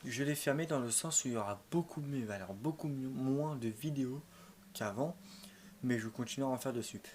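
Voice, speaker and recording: A man's voice: medium pitch, fairly quick, darkish tone. A man giving casual let's-play commentary as a gaming video host, rambling and often repeating or correcting himself. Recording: clearly noisy home recording.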